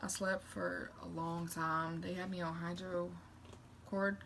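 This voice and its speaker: Her voice sits lowish and creaky, and she speaks a little slowly. This young woman rambles candidly in a casual vlog chat to camera, animatedly acting out quotes as she retells things, with noticeable noise in the background.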